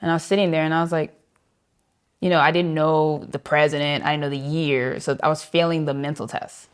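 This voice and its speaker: A woman's voice: deep voice, little pitch movement, fairly quick, clear, resonant tone. A woman saxophonist being interviewed, telling a story vividly and acting out the voices of people she quotes. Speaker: jazz saxophonist guest.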